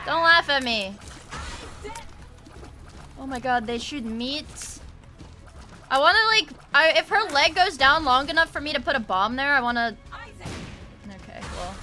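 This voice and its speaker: A woman streaming a game, chatting casually with excitable shrieks, gasps and swearing. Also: sits high, background noise. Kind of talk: casual gameplay commentary.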